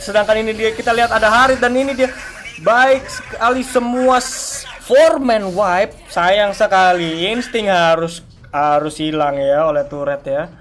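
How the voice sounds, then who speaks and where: A man casting a live game excitedly like a fighting game announcer, stretching out his big calls. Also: high-pitched, a little slow, slight background noise. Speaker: esports match caster. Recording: music behind the voice.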